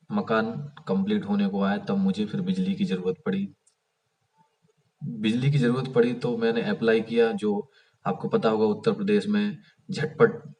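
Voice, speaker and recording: Distant, low-voiced man telling a grievance. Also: a little mellow. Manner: rambling, many restarts and fillers; aggrieved, complaining. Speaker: vlogger. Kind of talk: casual storytelling to camera. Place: outdoors by an unfinished house. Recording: voice heard from a distance.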